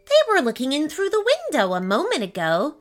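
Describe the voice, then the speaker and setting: A woman voicing a cheerful young boy in a children's storybook, eager and excited. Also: high-pitched, brisk, soft background music, pitched above the performer's own voice.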